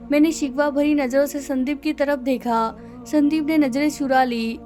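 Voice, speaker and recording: High-voiced woman narrating a sad story. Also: mellow. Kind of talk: scripted first-person story narration.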